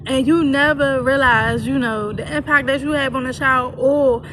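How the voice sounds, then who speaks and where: High-voiced woman telling a personal story. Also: moderate pace. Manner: candid, conversational, many "you know" fillers. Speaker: vlogger. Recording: noisy with vehicle rumble.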